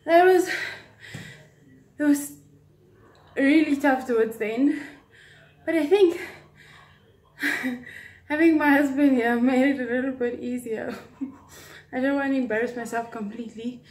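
A woman's voice: high-pitched, measured pace, long pauses, darkish tone. A young woman chatting casually to viewers as a fitness vlogger, recorded on a phone at home. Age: young adult. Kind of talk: casual vlog talk to viewers. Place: home living room with tiled floor. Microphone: phone at arm's length. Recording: echoey room.

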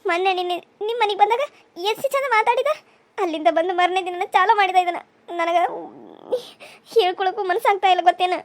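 A betrayed young wife in a cartoon serial, voiced by a woman speaks bitterly. Her voice is very high and she talks fast. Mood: grieving. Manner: bitter, grieving. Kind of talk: cartoon voice acting.

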